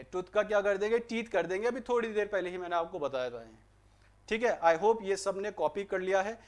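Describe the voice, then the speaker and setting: A man's voice: high voice, a bit bright. A young man with an Indian accent teaching an online grammar lesson, mixing English into Hindi and firing rhetorical questions at students before answering them. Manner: mixes English phrases into Hindi explanations.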